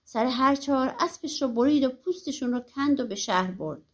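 A woman reads a folk tale aloud in a lively, animated storytelling style. Her voice is high and clear. She narrates for an audiobook.

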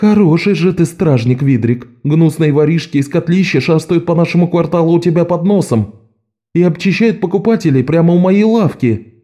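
A man voicing a loud, bossy old woman shopkeeper who scolds and comforts in a storybook. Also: normal speed, close to an everyday voice. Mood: scolding. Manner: bossy and booming.

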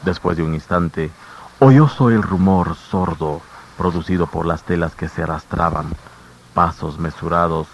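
Deep, slow narrator on an old radio show. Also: male voice. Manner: measured, grave storytelling. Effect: old radio show broadcast sound. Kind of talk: scripted dramatic radio narration. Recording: muffled old radio recording with faint hiss.

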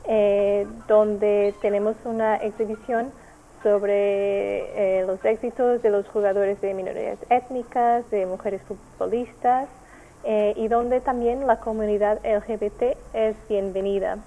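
Portuguese woman, NGO spokesperson, halting fillers, warm mellow tone, faint hiss. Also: medium pitch, steady tone, rough recording. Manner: hesitant, many fillers and restarts. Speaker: NGO representative. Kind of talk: remote interview answers.

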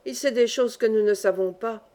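A woman's voice: fairly high pitch, moderate pace, warm tone, natural voice. A woman reading the part of a plain-spoken older miner in an audiobook, earnest and conceding.

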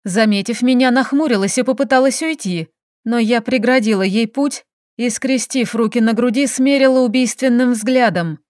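A woman narrating a first-person audiobook in a measured, steady storytelling manner. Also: fairly high pitch, dry recording, studio quality.

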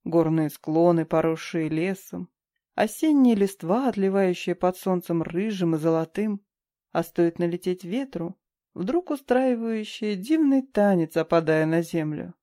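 A woman reading a novel aloud as an audiobook narrator, calm and even. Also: on the low side, a little slow. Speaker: audiobook reader. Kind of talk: scripted narration.

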